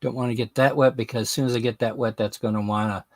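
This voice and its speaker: A man hosting a hobby livestream, talking slowly and haltingly as he works on a craft project. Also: medium pitch, steady tone, no room sound. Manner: slow, halting, thinking aloud while working. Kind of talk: casual livestream commentary while crafting.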